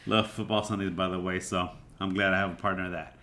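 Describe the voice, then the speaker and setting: A man's voice: low-pitched, level tone, a little fast, bright, forceful tone, slight background noise. A man hosting a casual podcast, talking in a loose, reflective way with lots of "you know" fillers. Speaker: podcast host.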